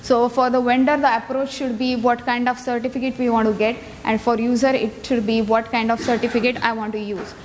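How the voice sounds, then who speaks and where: A woman's voice: a little high, little pitch movement, a little fast, hardly any pauses. A woman giving an explanatory technical presentation as a conference speaker. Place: large indoor conference room. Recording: echoey hall, noticeable background noise.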